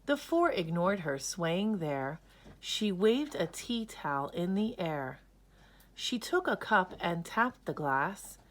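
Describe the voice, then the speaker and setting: A woman with a voice on the low side reads a children's story aloud as a picture book reader, using a measured, expressive storytelling manner.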